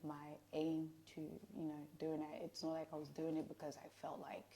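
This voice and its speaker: Mellow, low-voiced woman. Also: monotone, moderate pace, a little hiss or hum. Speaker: interview guest. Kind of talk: candid conversational interview.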